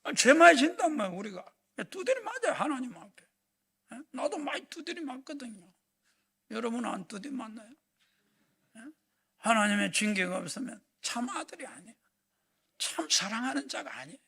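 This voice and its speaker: A pastor delivers a Sunday sermon in a high, gravelly, husky voice. He swings from rising shouts down to near-whispers, and his pitch leaps around with bright, pushed intensity. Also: big pitch swings, normal speed, long pauses. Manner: impassioned preaching that swings from shouts to hushed whispers. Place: church sanctuary.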